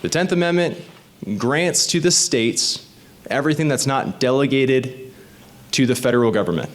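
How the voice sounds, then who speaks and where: A man in his thirties running for a state legislative seat speaks informally to a community group, conversational and explanatory, often putting questions to the audience. His pitch is medium and his pace moderate.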